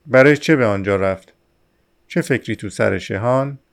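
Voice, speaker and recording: A man's voice: mid-range voice, creaky, close to an everyday voice. Meddling common man, insistent and suspicious, voiced by a male narrator.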